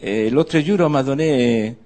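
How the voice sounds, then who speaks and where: A man's voice: medium pitch, measured pace, a little mellow. An older man, a guest speaker on a theatre stage, telling meandering, wry anecdotes before an audience with frequent hesitations. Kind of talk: storytelling on stage.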